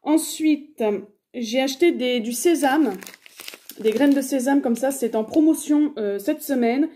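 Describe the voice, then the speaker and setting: A woman's voice: sits high, a little slow, mellow, a little hiss or hum. A woman in her thirties chatting casually through a shopping haul, hesitant and full of fillers. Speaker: haul vlogger.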